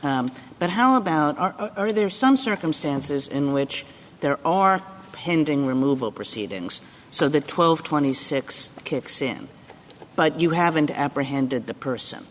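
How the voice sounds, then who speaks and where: A man's voice: fairly high pitch, lively intonation, measured pace, in a large hall, a little hiss or hum. A man questioning a lawyer as a judge in oral argument, pressing with repeated questions.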